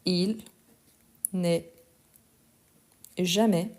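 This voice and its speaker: Woman, non-native accent, French teacher on a live stream, patient explainer who drifts faster. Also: on the low side, steady tone, darkish tone. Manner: tends to speed up while talking. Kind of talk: live online language lesson.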